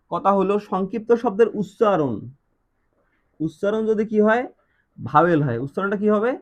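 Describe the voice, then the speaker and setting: A man with a Bangladeshi accent leads a grammar lesson, posing questions and answering them himself. His voice sits a little high, and the recording sounds dull and lo-fi. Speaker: English teacher. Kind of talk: classroom-style grammar lesson.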